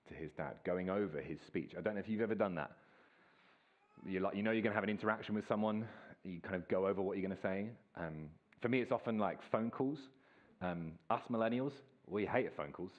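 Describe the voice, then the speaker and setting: A man, preaching a sermon in a relaxed, storytelling way. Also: on the low side, fairly quick, dull audio. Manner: casual, self-deprecating, lively storytelling. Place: church hall.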